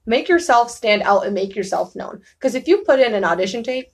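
A woman's voice: fairly high pitch, animated, fairly quick. A young woman chatting as a podcast guest, emphatic and bubbly, laughing often. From New York state. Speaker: guest, actress. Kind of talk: casual podcast chat.

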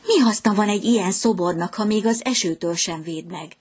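A woman voicing a chatty, fickle young male swallow in a storybook reading, raising her voice higher and fussier than her own. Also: a little mellow, slightly rough, close to an everyday voice. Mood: grumbling.

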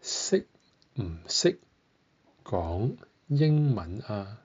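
Guy teaching a language podcast, takes it real slow, kinda muffled lo-fi audio. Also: on the low side, sing-song, darkish tone, husky. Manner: slow, careful modelling of phrases, repeated twice.

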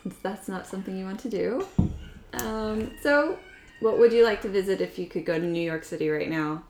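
A woman's voice: mid-range voice, normal speed, a little mellow. A woman co-hosting a podcast in casual chat, dry and sarcastic, steering the conversation. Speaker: podcast co-host. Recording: echoey room with faint noise.

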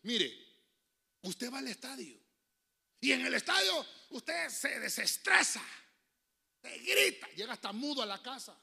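Impassioned pastor, high gravelly voice. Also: male voice, very animated, measured pace, long pauses, sharp tone. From Honduras. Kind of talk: sermon. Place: church.

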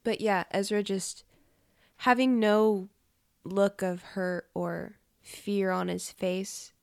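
A woman's voice: mid-range voice, fairly even intonation, slow pace, gravelly, darkish tone, dry recording, studio quality. Agreeable young woman podcast co-host. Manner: agreeable, frequent affirmations, thoughtful. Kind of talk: casual review chat.

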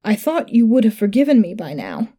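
A woman reading the part of a resentful young man in a dark sci-fi audio story, who ends up screaming in pain. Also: mid-range voice, wildly swooping pitch, a little fast. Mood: bitter. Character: hurt, bitter young man, coworker turned victim.

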